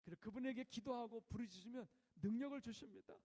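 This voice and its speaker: A man's voice: extremely high pitch, fast, dark tone, in a large hall. A middle-aged male pastor preaching a sermon, asking the congregation questions and acting out prayers with a raised voice. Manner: asks the congregation questions and has them repeat after him.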